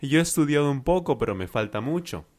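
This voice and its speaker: A Peruvian man reading the lines of a calm, reassuring young man student in a lesson dialogue. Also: on the high side, quick pace, pitched above the performer's own voice, lightly acted. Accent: Peruvian Spanish.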